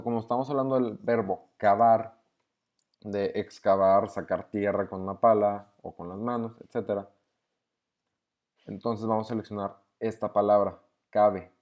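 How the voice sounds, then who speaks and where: Calm man explaining step by step. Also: lowish voice, lo-fi sound. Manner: patient, step-by-step explaining, reads exercise sentences aloud. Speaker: teacher explaining exercises. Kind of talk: screen-recorded lesson walkthrough.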